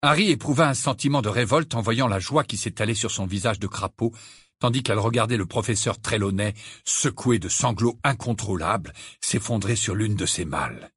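A man narrating an audiobook with expressive storytelling. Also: fairly low pitch, fairly quick, breathy edge, dry recording, clean studio sound. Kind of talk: scripted narration.

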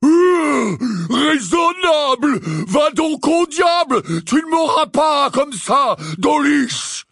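A man's voice: very high voice, animated, no echo, clean studio sound, voice pushed up, heavily acted. A man doing a bellowing enraged giant. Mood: furious. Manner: bellowing, drawn-out shouting. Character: huge enraged male half-giant gamekeeper.

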